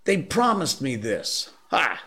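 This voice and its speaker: A man voicing an excited young boy raised in the jungle, pleading and rushing his words together, in a storybook reading. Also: mid-range voice, voice pushed up, heavily acted. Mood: hurt. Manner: pleading, excited, breathless run-on talk.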